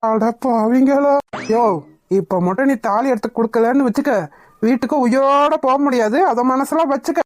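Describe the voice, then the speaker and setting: A woman voicing a bossy, threatening male gang leader in a cartoon, with gruff threats. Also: sits high, normal speed, dry recording, close to an everyday voice.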